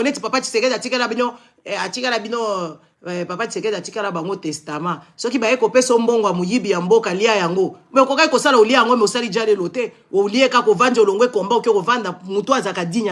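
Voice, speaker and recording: A man's voice: high voice, quick pace, a bit bright. A man from Congo with a Congolese French accent, ranting angrily in a live stream, scolding and switching into Lingala. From Democratic Republic of the Congo. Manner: angry and confrontational, repeated scolding exclamations; switches between French and Lingala mid-sentence. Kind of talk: heated live-stream rant.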